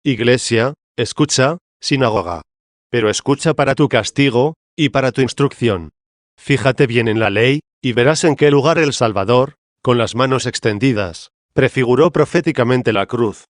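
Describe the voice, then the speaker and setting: Audiobook: a man voicing the Church as a stern queenly woman, mid-pitched, solemn and reproving, dry close mic. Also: moderate pace, no room sound, close to an everyday voice. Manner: solemn, reproving debate reading. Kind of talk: audiobook reading of a theological dialogue.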